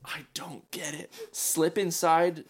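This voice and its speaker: A woman co-hosting a comedy podcast, reading fan fiction aloud with deadpan delivery and wry asides. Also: low-pitched, takes it slowly, husky. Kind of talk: casual comedic read-aloud.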